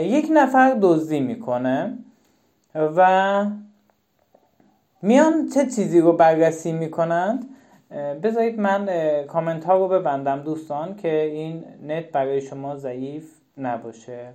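A woman's voice: on the low side, warm tone. A woman giving a live-stream talk to parents, emphatic and repeating her key questions. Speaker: parenting educator.

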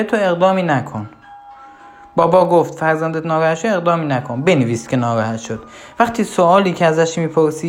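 A parenting coach giving a recorded course lesson, speaking directly to parents with firm instructions and rhetorical questions. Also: mid-range voice.

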